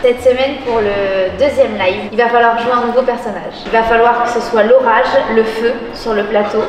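A woman's voice: a little high, fairly even intonation, moderate pace, crowd noise. A young woman explains dance plans as a coach, recorded in an echoey studio. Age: young adult. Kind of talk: explaining choreography. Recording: echoey hall, distant mic, people behind.

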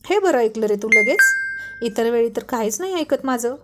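A woman voicing a panicky, quick-tempered young wife who scolds and pleads with her husband. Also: fairly high pitch, animated, over loud music, natural voice. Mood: flustered scolding.

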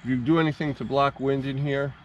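With fairly level intonation, a man gives a halting, um-filled how-to vlog about his motorcycle, restarting often. Later he rides the highway and speaks from inside a full-face helmet, its mic muffled and swamped by loud wind and road noise.

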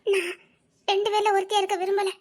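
A woman playing a frightened young student, very high. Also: monotone, fast talker. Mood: firm. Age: young adult. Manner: tearful, insistent refusals. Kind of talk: web drama acting.

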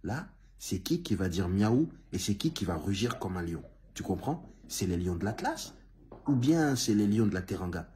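A man doing comic sports commentary to camera, animated and teasing, talking straight to players and fans with frequent exclamations. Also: on the low side, moderate pace, slight background noise. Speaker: comedian giving a sports debrief.

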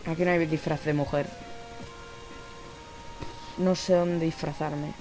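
A man's voice: a little high, level tone, slow pace, music in the background, low-quality recording. A man with a Spanish accent from Spain giving casual gameplay commentary, rambling, talking to himself and swearing now and then. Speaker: let's play gamer.

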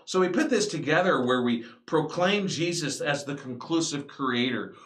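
A man preaching a sermon as pastor, animated and building to emphatic declarations. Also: on the high side, normal speed. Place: church. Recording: echoey church hall.

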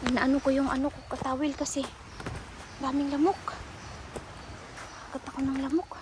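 A woman's voice: sits high, flat delivery, normal speed. A woman vlogging outdoors by the sea, chatty and playful. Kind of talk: casual outdoor vlog. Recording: loud waves and outdoor noise. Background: sea waves.

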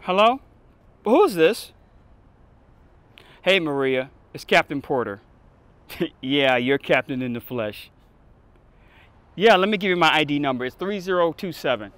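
An actor playing a firm, middle-aged off-duty police captain in a drama, with a commanding, measured and dry manner. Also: male voice, a little high, animated, a bit bright, smooth, no echo. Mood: relaxed, amused. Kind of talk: acted drama dialogue. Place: outdoor parking lot.

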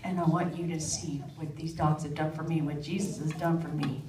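A woman speaking as an earnest grown man, a reformed dog-sled driver, telling his confession in a low, solemn way. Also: little pitch movement, brisk, lightly acted. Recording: echoey room, distant mic, crowd.

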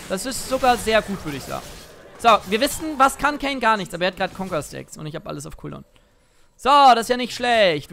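A man commentating his own gameplay in a playful, excitable way, now and then jumping into shouts. He talks into a headset or desk mic at a home gaming setup. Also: high-pitched, a little hiss or hum. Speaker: gaming streamer. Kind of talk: let's play commentary.

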